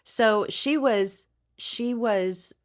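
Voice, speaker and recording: A woman's voice: a little high, very slow. A middle-aged woman co-hosting a podcast, chatting casually and gushing over old-fashioned names. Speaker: podcast co-host. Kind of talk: casual chat.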